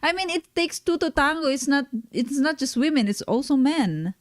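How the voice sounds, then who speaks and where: A woman's voice: sits high, lively intonation, no echo, clean studio sound. Exasperated woman reacting on stream. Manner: exasperated, critical, halting restarts. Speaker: streamer reacting to a panel video. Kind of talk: live stream reaction commentary.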